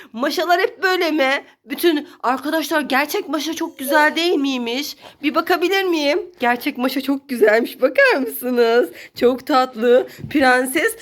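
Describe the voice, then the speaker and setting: A woman's voice: very high voice, a bit bright. A woman filming a family vlog at home, commenting playfully with exclamations, mock-scolding and frequent laughter. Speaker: family vlogger. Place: child's bedroom at home.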